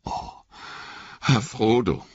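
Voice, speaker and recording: Casting: man voicing Sam, a young male hobbit servant, loyal and anxious, pitched well above the narrator's voice, earnest and pleading, slightly dull recording. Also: very slow, darkish tone, breathy edge, dry recording, full character voice. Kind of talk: audiobook reading.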